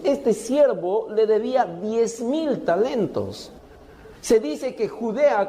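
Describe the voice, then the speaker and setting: A man's voice: very high-pitched, darkish tone, in a large hall. A man preaching a sermon, often asking the congregation a question and answering it himself. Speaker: pastor.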